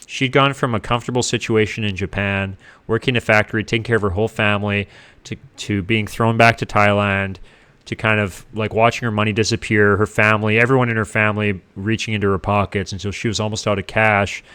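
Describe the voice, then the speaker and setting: Low-voiced middle-aged man telling stories. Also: brisk, clear, resonant tone. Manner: animated, acts out what people said. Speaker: guest telling his life story. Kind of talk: casual storytelling.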